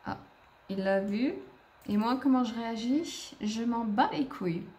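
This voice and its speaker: A woman's voice: a little high, unhurried, darkish tone. Chatty woman narrating her game. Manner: chatty, talks to the game characters. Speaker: gaming video creator. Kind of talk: casual let's-play commentary.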